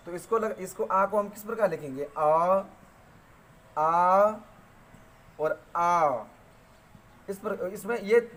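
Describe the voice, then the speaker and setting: A man teaching Sanskrit grammar in a spoken lesson, patiently repeating terms and counting out vowels slowly. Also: high voice. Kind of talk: spoken lesson, explaining sutras.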